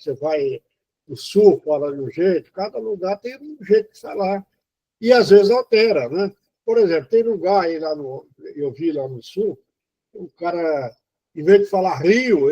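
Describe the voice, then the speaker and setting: A man from Brazil giving an informal spoken lesson on poetry, halting and explanatory, with many fillers and restarts. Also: high voice, lively intonation, mellow. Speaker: poetry teacher. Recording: dull lo-fi recording.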